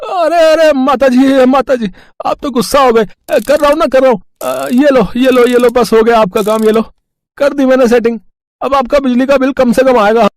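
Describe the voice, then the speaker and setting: A man's voice: very high-pitched, steady tone, normal speed, dry recording. A man voicing a sly, greedy young electrician who chuckles and wheedles. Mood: wheedling.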